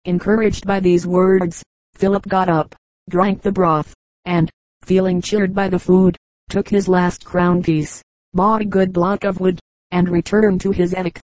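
A woman reading a storybook aloud in a steady, even narrating manner. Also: lowish voice, a little slow, no room sound, poor audio. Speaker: audiobook reader.

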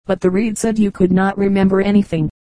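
Eager little boy asking questions , read by a lady, flat even tone, dry sound. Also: mid-range voice, fairly quick, no echo, close to an everyday voice. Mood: impatient. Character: impatient curious young boy.

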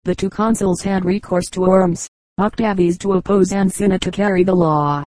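A woman reading a history book aloud as scripted narration, at a measured, even pace. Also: fairly low pitch, no echo, rough recording. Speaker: audiobook reader.

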